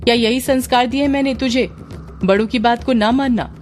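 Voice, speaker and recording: A woman's voice: mid-range voice, very animated, normal speed, faint music behind, lightly acted. A woman voicing a scheming, bossy middle-aged mother who scolds and pushes others around in a spoken story. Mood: pushy scolding. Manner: scolding, pushy.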